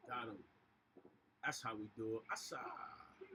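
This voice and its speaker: Excited man streaming live gameplay. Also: fairly low pitch, normal speed, slight background noise, rough recording. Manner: excited running commentary with grunts and exclamations. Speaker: livestream gamer. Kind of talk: casual live gameplay commentary.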